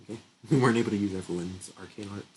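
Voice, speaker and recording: Talking very fast in a lowish, slightly mellow voice, this young gaming channel host gives casual commentary on his play, laughing often and thinking aloud. A stuffy nose hints he's getting sick. The audio is poor and carries slight background noise.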